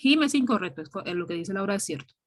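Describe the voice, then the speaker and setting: A woman's voice: medium pitch, lively intonation, fast, slight background noise. A woman teaching an English grammar class, explaining patiently step by step and often checking in with "ok?".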